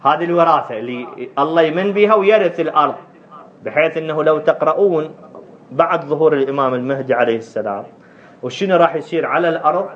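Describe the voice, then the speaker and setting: A man with an Iraqi Arabic accent preaching a sermon, rising loud and high on key points and acting out dialogue. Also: fast, muffled recording.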